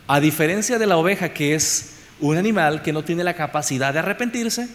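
A man preaching an expository sermon to his congregation, repeating phrases for emphasis and swinging between loud and soft. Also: fairly high pitch, lively intonation, fairly quick. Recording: long reverb, faint background noise.

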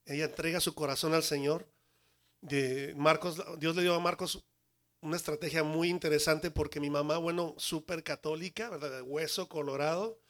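A man, a church worship leader, telling his personal conversion testimony in an animated way with humorous asides. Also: a little high, normal speed.

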